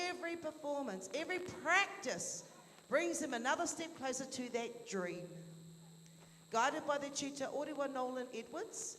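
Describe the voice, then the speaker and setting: A woman, speaking as a live stage MC with an effusive, informal manner and measured reading. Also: high-pitched, a bit bright. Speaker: event MC introducing performers. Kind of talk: live stage announcing, partly read out. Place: large hall at a live performance event. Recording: echoey hall, faint background noise.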